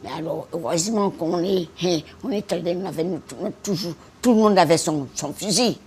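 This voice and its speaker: In this interview, a retired teacher and war veteran aged 100, from French Guiana, recounts wartime memories in a fairly low, slightly mellow, gravelly voice against slight background noise. She stammers, repeats herself, and then drives each point home emphatically, adding sound effects and defiant outbursts.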